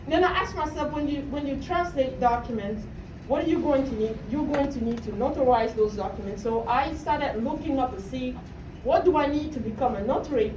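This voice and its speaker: Her voice sits high and brisk as this woman from Cameroon motivates a room of students in her role as coach. Questions to the audience punctuate her talk, many ending in "right?". A distant mic captures the roomy university venue along with faint noise.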